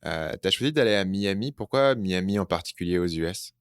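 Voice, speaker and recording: Low-voiced French-born podcast host, dry sound. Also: male voice, a little fast, clean tone, no echo. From France. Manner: relaxed, curious questioning with fillers. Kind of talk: casual podcast interview questions.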